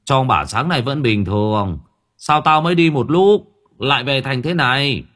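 A man's voice: medium pitch, expressive, moderate pace, a bit bright, voice pushed up. A man voicing an older village healer asking urgently what happened. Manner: urgent questioning.

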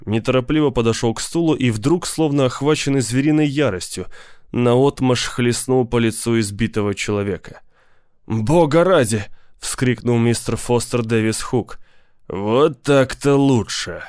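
A man narrating an audiobook with an even, steady reading. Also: mid-range voice, clean tone, no room sound, studio quality. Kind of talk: scripted narration.

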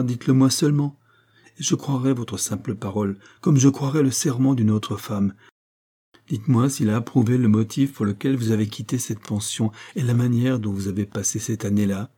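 A man reading an audiobook, voicing an honorable army captain who speaks gravely and insistently to his fiancée. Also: mid-range voice, fairly even intonation, moderate pace, warm tone, lightly acted. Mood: demanding.

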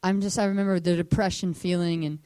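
Animated woman telling her testimony. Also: fast talker, clean tone, no room sound. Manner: casual and animated, full of "like", acts out quotes in hushed whispers and high squeaks. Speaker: speaker at a missions training school. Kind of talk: personal testimony storytelling.

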